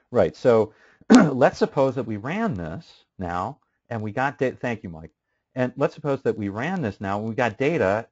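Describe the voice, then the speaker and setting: A man's voice: fairly low pitch, darkish tone. A male instructor giving a casual statistics lecture, asking students questions and using many fillers. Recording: muffled lo-fi classroom recording.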